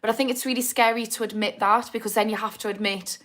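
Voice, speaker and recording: A Geordie woman in her thirties talks quickly in a fairly high, steady, slightly bright voice. She's on a livestream having a casual chat, replying to viewer comments with jokes about herself and frequent laughter.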